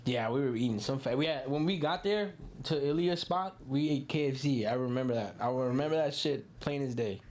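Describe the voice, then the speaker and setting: A man's voice: medium pitch, fairly quick, hardly any pauses, a little mellow, slight background noise. A man co-hosting a podcast, talking in slangy, mocking casual banter and swearing. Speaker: podcast co-host.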